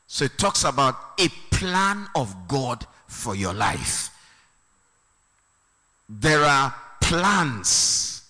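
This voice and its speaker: A man's voice: medium pitch, bright, forceful tone. Preaching man in an echoing hall. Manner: slow and emphatic, rising to a sung, preaching cadence. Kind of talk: sermon. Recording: long reverb of a hall.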